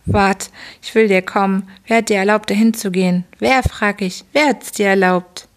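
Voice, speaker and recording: A woman voicing a gruff, bullying middle-aged father who scolds his son in a bedtime audiobook reading. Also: mid-range voice, steady tone, moderate pace, close to an everyday voice. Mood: threatening. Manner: bullying, scolding, barking questions. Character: gruff shouting drunken old father, middle-aged man.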